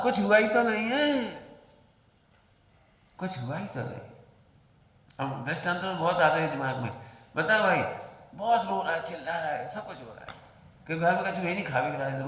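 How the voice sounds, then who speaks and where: A man's voice: fairly high pitch, a bit bright. A man giving a religious discourse as a Jain preacher, telling stories and acting out their dialogue. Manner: storytelling with acted dialogue. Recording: echoey hall reverb, faint ambience.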